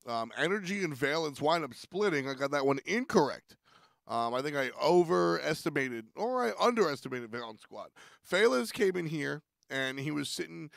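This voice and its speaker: A man's voice: a little high, creaky, dry recording, studio quality. A man hosting a weekly stream show, rambling through casual commentary in a playful, self-deprecating way.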